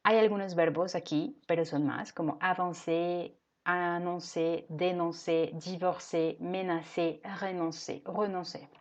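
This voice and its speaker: Woman teacher, slightly low voice, drawn-out patient delivery, explains grammar, dull lo-fi audio. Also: steady tone. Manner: slow, careful modeling of pronunciation. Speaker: French teacher. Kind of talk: explaining French grammar lesson. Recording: dull lo-fi recording.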